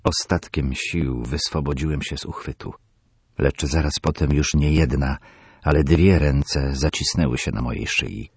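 Male storyteller, very deep voice, husky, dry close sound, tense measured horror narration. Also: no echo. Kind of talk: audiobook narration of a horror tale.

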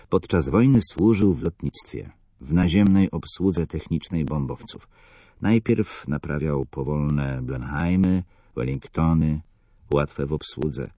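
A man narrating a novel in the first person, measured and somber. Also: a bass voice, animated, creaky, mellow, dry recording. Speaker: audiobook narrator.

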